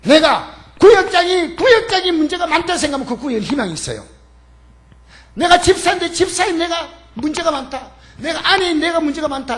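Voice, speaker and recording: High-pitched, lively older Korean pastor preaching. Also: male voice. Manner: animated preaching with humorous asides; emphatic, calls out to the congregation. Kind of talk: sermon. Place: church sanctuary.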